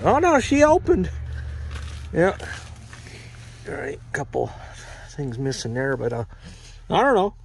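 A man's voice: on the high side, slow pace, vocal fry, pauses often, slight background noise. A man giving a casual, rambling walk-around commentary outdoors at a snowy equipment auction lot, talking into a handheld camera. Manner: relaxed, rambling, uses fillers. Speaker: farm equipment vlogger.

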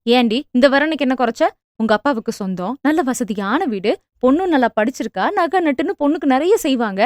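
A woman voicing an anxious, talkative middle-aged mother who scolds quickly and defends herself. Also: sits high, animated, a little mellow, dry recording, clean studio sound. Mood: defensive scolding. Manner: fast, fretful, scolding.

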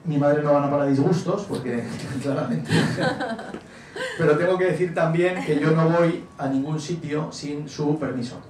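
Middle-aged man, lively storyteller, slightly high voice, distant mic in an echoey hall. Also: moderate pace. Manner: animated, jokey, acts out quotes. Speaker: author guest. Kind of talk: relaxed storytelling talk. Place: event hall before an audience. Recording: echoey venue, distant mic, faint noise.

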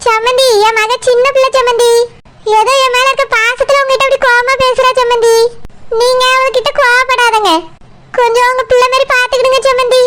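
A woman's voice: very high voice, little pitch movement, fairly quick, fairly bright tone. A woman voicing a meek village mother of the bride in a cartoon, placating and pleading, with a Tirunelveli Tamil accent. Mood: soothing. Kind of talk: cartoon dialogue.

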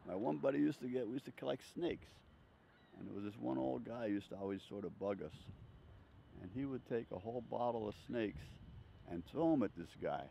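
A man's voice: medium pitch, expressive, a little fast, creaky, mellow. An older man telling rambling, chuckling stories from his life, interviewed outdoors on a handheld mic. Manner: chuckling, rambling anecdotes with frequent laughs. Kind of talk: casual life-story storytelling. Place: outdoors on a bench. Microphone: handheld furry-windscreen mic held near chest. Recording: slightly dull sound, faint outdoor noise.

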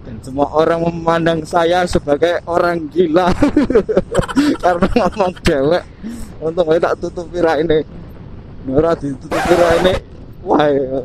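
A man with a Central Javanese accent keeps up casual riding-vlog chat on a motorbike over country roads, joking to himself and laughing often. His voice is a little high with fairly even intonation and a measured pace, though the audio is poor, with loud wind and engine noise.

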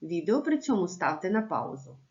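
A woman teacher giving a remote lesson to young pupils, with clear, measured instructions. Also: fairly low pitch, very animated, darkish tone, dull audio. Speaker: primary school teacher.

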